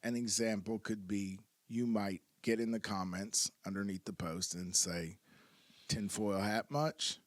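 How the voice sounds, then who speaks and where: A man's voice: fairly low pitch, steady tone, normal speed, few pauses, no room sound. A man talking in a reflective, easygoing way in a casual podcast conversation, laughing now and then.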